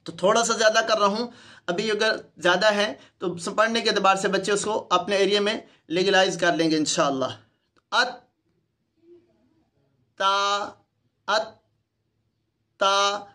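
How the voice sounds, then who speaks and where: A man's voice: high voice, fairly even intonation, sharp tone. A man with a Pakistani Urdu accent, a Quran teacher patiently demonstrating letter sounds for other teachers in a recorded lesson.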